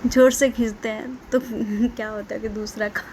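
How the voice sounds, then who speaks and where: A woman's voice: a little high, level tone, normal speed, a little mellow, a little hiss or hum. A woman casually retelling a drama plot, chatting along and laughing at the funny parts. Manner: chatty, quotes characters, breaks into laughter.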